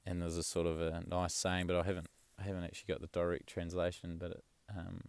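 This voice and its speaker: A young man chatting casually in a vlog, rambling and relaxed, swearing offhand. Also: low-pitched, fast talker, vocal fry, clear, resonant tone, no room sound. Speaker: travel vlogger. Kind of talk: casual chat.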